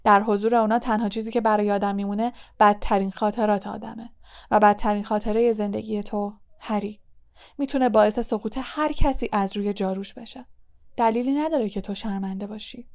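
A woman reading the part of a gentle, weary middle-aged male teacher, calm and earnest, in an audiobook. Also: medium pitch, lightly acted. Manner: calm, earnest, comforting explanation.

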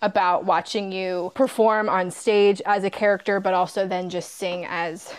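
A woman's voice: mid-range voice, fairly even intonation, moderate pace, clean tone. A woman hosting a podcast, chatting with her guest in an enthusiastic way and often saying "like.". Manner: enthusiastic, filler-heavy "like". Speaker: podcast host. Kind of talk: casual interview chat.

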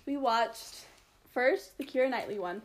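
A woman's voice: on the high side, unhurried, a crowd in the background. A young woman co-hosting a casual podcast chat, leading the talk and summarizing plots. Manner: animated, leads the talk and summarizes plot. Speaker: podcast co-host.

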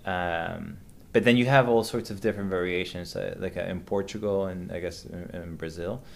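A man's voice: low voice, steady tone, normal speed, creaky. A man in his thirties from Venezuela, a podcast guest chatting casually and hesitantly, with many fillers and restarts. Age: 30s. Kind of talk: casual conversation.

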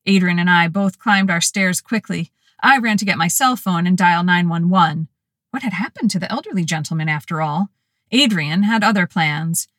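A woman narrating her own story as a first-person audiobook, telling it in an expressive, lively way. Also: mid-range voice, dry recording, studio quality.

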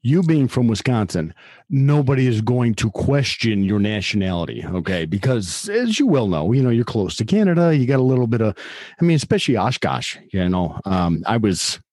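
A man's voice: medium pitch, sing-song, normal speed, a little mellow, dry recording, clean studio sound. A man from Chicago hosting an interview, talking in a chatty, rambling way with friendly asides. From Chicago, United States. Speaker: podcast host. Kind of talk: casual interview chat.

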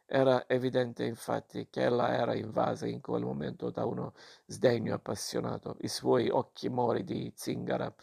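A man reading a novel aloud, in slow and measured reading with small slips. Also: mid-range voice, little pitch movement, creaky, a little mellow, slightly rough. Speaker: reader.

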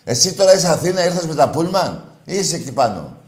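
A male radio sports host needling a caller in call-in banter, teasing and quick to get heated. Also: on the high side, very animated.

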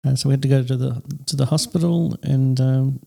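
A man, co-hosting a casual podcast in a small studio on a proper microphone, relaxed and hesitant, with many fillers. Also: medium pitch, a little fast, creaky. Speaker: podcast co-host.

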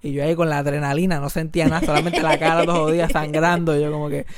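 A man telling stories in casual chat, mixing in English and acting out voices in squeals. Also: fast talker. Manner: animated, mixes English into Spanish, acts out voices in high squeals. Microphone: close studio mic.

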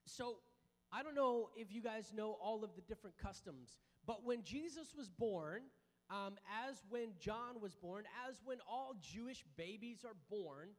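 A man preaching a sermon in an informal, conversational way, speaking directly to his congregation in a large hall. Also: high-pitched. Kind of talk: sermon to a congregation with children, with call-and-response. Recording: long hall reverb.

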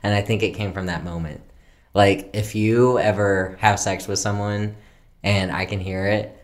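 A young man co-hosting a podcast, chatting casually and telling rambling stories, laughing often and filling pauses with "um" and "like.". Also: lowish voice, steady tone. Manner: laughing, rambling storyteller with many fillers. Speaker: podcast co-host. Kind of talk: casual chat.

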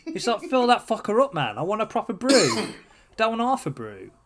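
Sweary, animated young man. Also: high-pitched, normal speed. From Britain. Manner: sweary, animated ranting with laughter. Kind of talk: casual chat.

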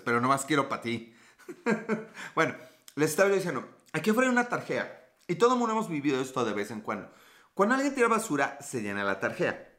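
A man's voice: a little high, sharp tone. A man with a Mexican accent hosting a livestream podcast, chatting casually and reading viewer comments with profane, teasing, flirty banter. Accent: Mexican Spanish.

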